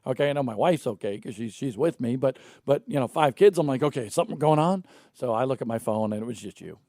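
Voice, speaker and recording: A man's voice: mid-range voice, animated, quick pace, warm tone, no room sound, studio quality. A man hosting a casual morning show about racing, chatting and joking with his co-host and a guest driver.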